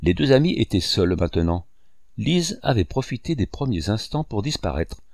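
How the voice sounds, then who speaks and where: Male novel narrator, expressive reading, lower voice, dry recording. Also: moderate pace, creaky, dry recording. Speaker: audiobook narrator.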